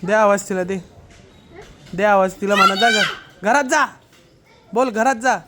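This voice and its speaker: Over music, a young man with a high-sitting voice chats at normal speed in a steady tone for a casual family vlog at home. He playfully teases his family and addresses his viewers directly.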